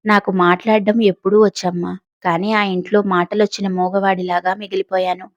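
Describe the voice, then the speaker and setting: A kindly old man, fatherly and gentle in his reassurances, as a woman narrator plays him in a storybook audio drama. The sound is close and dry. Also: high voice, flat delivery, a little fast, dry recording, muffled recording, close to an everyday voice. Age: older.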